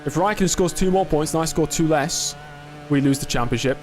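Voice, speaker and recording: In a fairly quick, slightly high voice, a man in his twenties chats casually on a live stream while racing, reading and answering chat and talking himself through the pressure. Soft music plays in the background.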